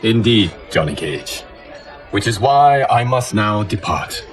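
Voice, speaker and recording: An actor playing a noble, solemn guardian god in a video game, with a formal, measured, dignified delivery. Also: male voice, on the low side, expressive. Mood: calm, gracious. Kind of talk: dramatic video game cutscene acting. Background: music.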